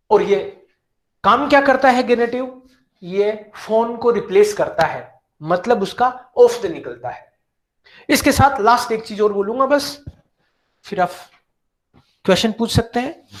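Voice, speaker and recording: A man teaching grammar to a class, slow and patient, spelling out each example and mixing in English terms. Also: high-pitched, reverberant. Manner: mixes English terms into his talk. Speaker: German teacher.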